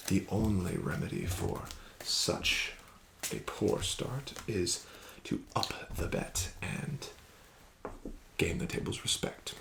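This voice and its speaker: Low-sitting and gravelly, a man's voice whispers and speaks softly as a casino card dealer in an ASMR roleplay. His patter is formal, courteous, and gently coaxing, and there's background noise behind him.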